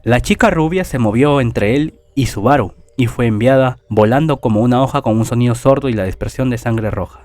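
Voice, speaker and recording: A man's voice: mid-range voice, fairly quick, few pauses, a little mellow, no room sound. A man casually retelling a novel plot as a summary host, talking in a loose, conversational way with fillers and self-corrections. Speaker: anime story summarizer.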